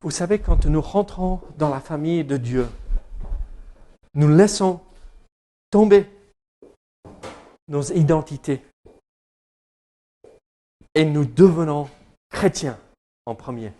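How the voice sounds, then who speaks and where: A man with an English-speaking accent preaches a church sermon with a rather high voice. He speaks slowly, with frequent hesitations, and jokes and chats with the people in the congregation. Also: animated, dark tone. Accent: English-speaking accent in French. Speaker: pastor. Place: church service.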